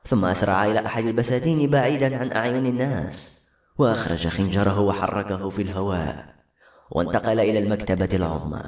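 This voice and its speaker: A man reading a novel aloud as audiobook narrator, with steady, brisk storytelling. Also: lowish voice. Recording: echoey room.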